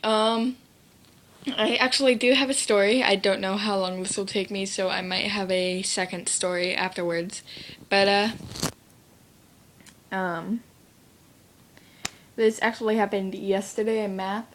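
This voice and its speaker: In a casual handheld vlog, a teenage girl tells a meandering story to camera, close to tears, full of fillers and tangents. Her medium-pitched voice is steady and a little slow, she pauses often, and there is slight background noise.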